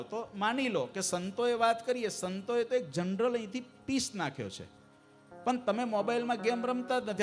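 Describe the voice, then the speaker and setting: A man preaching a devotional sermon to a live assembly, asking the audience questions and urging them to answer louder. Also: high voice. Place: temple assembly hall.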